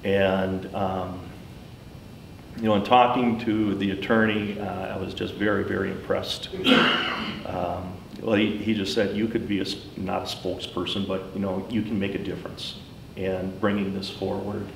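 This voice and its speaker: A middle-aged man giving a personal account in informal talk, speaking haltingly and pausing often mid-sentence. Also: flat delivery, vocal fry. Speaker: school superintendent, former teacher. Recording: roomy, distant mic, faint rumbling noise.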